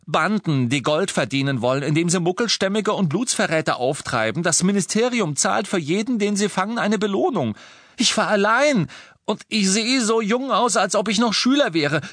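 A man's voice: a little high, sing-song, measured pace, a bit bright, dry recording, clean studio sound, pitched above the performer's own voice, full character voice. A man voicing a young wizard who pleads and defends himself. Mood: defensive.

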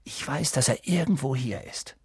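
A man reading an audiobook, voicing an orphaned boy wizard with an urgent, intense manner and a husky voice. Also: mid-range voice, normal speed, voice pushed up. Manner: urgent, hushed at times.

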